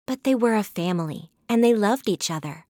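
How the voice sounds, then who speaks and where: A woman reading her own children's storybook aloud with gentle, measured storytelling. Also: mid-range voice, lively intonation, dry recording, clean studio sound. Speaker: author narrating her own book. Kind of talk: children's audiobook narration.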